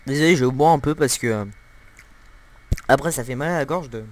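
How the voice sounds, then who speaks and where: A man's voice: medium pitch, a little fast. A young man giving joking, crude let's-play commentary at home, with lots of fillers and laughter into a desktop mic. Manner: joking, giggly, crude humor, many fillers. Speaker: gameplay commentator.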